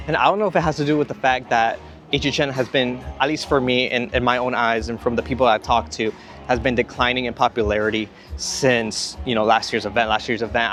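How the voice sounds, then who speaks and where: A young man talks in a mid-pitched voice, rambling and repeating himself as he vlogs. He sounds slightly out of breath. He is outdoors, with faint music somewhere behind him. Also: fairly bright tone. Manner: enthusiastic, rambling, repeats words. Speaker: theme park vlogger. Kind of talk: casual rambling vlog talk. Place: outdoors at a theme park. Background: music from nearby.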